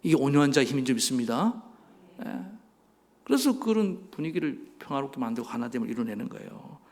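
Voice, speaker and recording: Preaching in a church sanctuary, a middle-aged senior pastor fires rhetorical questions at his congregation in a fast, expressive, mid-range voice with a darkish tone. The sound carries the long reverb of a church hall.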